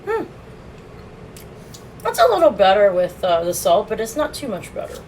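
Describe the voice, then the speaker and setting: A woman's voice: medium pitch, huge pitch swings, moderate pace, darkish tone, slight background noise, poor audio. A woman streaming a casual food review, chatting with her viewers and laughing often as she eats, recorded on a phone. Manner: chatty, laughs often, talks while eating.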